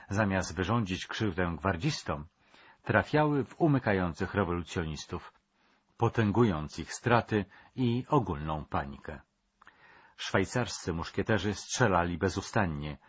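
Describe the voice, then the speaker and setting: Man, low voice, husky, documentary narration, dramatic pacing, dull lo-fi recording. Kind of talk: scripted history documentary narration. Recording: dull lo-fi sound.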